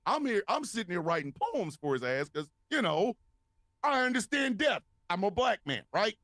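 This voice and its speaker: A podcast co-host with a high-sitting voice tells a wild story at a normal speed, swearing a lot and laughing as he goes. There's no echo on the recording, and his storytelling is animated and casual.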